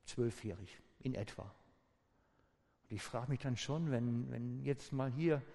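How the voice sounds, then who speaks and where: A man's voice: medium pitch, takes it slowly, gravelly, dark tone. Man preaching in an echoey hall. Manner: conversational storytelling, retells with informal asides. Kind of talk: sermon. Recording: echoey hall with long reverb.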